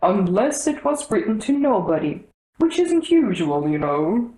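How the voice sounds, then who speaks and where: A woman voicing a pompous, slow-witted old king in a storybook, in a grave and deliberate manner. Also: medium pitch, sing-song, mellow, roomy sound, low-quality recording. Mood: musing.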